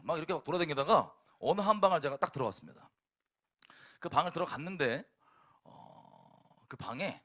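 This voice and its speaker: Lively animated man giving testimony. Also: a little high. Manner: lively storytelling with emphatic bursts and laughter. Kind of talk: sermon testimony.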